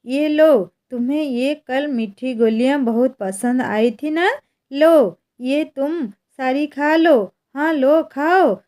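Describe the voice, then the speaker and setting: A woman's voice: high voice, takes it slowly, dark tone. A woman voicing a simple, fretful village husband who fusses over his wife and repeats himself when alarmed. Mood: coaxing.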